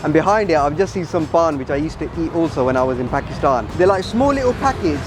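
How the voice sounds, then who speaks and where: A man's voice: a little high, animated, quick pace. A man hosting a travel and food vlog, chatting casually to viewers on location. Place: on location in busy streets and shops. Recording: music behind, outdoor street sounds. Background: music, traffic and urban sounds.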